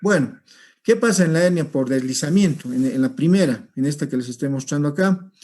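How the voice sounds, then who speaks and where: A man giving a recorded medical lecture over slides, explaining step by step and often checking with a quick "¿sí?". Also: a little high, animated, darkish tone. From Peru. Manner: explanatory, repeats points, checks with rhetorical "¿sí?".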